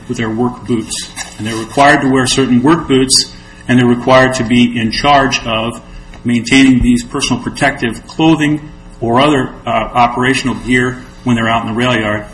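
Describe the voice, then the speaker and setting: American male attorney, measured, mid-pitched voice. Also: fairly bright tone, rough recording. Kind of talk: formal appellate oral argument.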